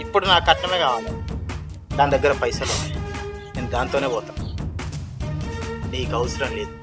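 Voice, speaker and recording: A man's voice: medium pitch, animated, a little fast, natural voice. An actor playing a harsh village husband who scolds and dismisses his wife. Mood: scolding. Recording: background music under dialogue.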